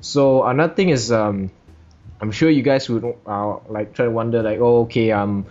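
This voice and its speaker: A young man hosting a casual podcast, talking in halting bursts and swearing casually. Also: medium pitch, a little mellow, lo-fi sound. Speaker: podcast host.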